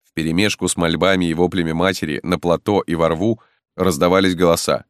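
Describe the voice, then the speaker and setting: A man reading a novel aloud in a measured, grave storytelling manner. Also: deep voice, fairly even intonation, clear, resonant tone, dry recording, clean studio sound. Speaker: audiobook narrator. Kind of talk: scripted literary narration.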